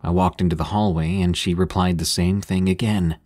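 A man narrating first-person horror stories in a steady, measured way. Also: deep voice. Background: faint music.

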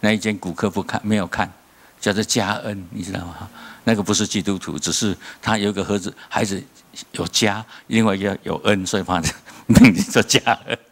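A man with a fairly low voice preaching in a Taiwanese Mandarin accent. He tells stories with energy and keeps tossing rhetorical questions to the congregation. He chuckles at his own jokes as he goes. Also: fairly even intonation, fairly quick. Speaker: pastor. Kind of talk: sermon. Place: church.

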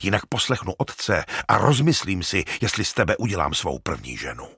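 A man's voice: low voice, big pitch swings, pushed and bright, a little hiss or hum, heavily acted. Man doing a brutish bullying young warrior. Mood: hissing threat. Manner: harsh, bullying, barking. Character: brutish arrogant young warrior, chieftain's son.

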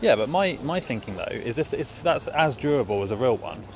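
Earnest man with lively pitch outdoors. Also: a little fast. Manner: earnest, surprised, lively intonation. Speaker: travel vlogger. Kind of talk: casual chat while walking. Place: busy outdoor street market. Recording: loud outdoor noise behind.

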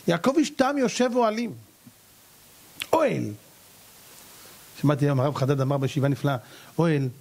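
Rabbi, male, lively storytelling sermon; high voice with big pitch swings, acts out characters. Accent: Israeli Hebrew. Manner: animated, acts out characters and cries out.

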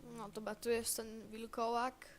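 A woman's voice: on the high side, flat delivery, unhurried, a little hiss or hum. A woman giving casual gameplay commentary, chatty and thinking aloud as she plays. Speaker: gamer.

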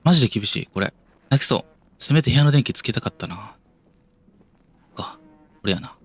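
A young man with a Kansai accent plays through a horror game, keeping his voice low and then yelping when startled. His pitch swings all over the place. The sound is dry and close, with no room echo. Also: animated, fast, husky. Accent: Kansai Japanese. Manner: jumpy, yelps and mutters to himself, talks himself down. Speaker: game streamer.

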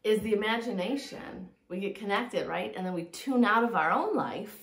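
A woman coach gives a reflective motivational talk, leaning on repeated phrases for emphasis. Her voice sits at a middle pitch. The room around her is roomy and echoey. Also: animated, moderate pace. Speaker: fitness and mindset coach.

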